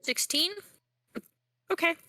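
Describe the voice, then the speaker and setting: A young woman leads a tabletop game as its master, her voice bright and clear. She talks slowly, stopping often on fillers as she works through her explanations. The sound is close and dry. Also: no echo. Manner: laughs often, halting with fillers while explaining. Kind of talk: narrating a tabletop game over voice chat.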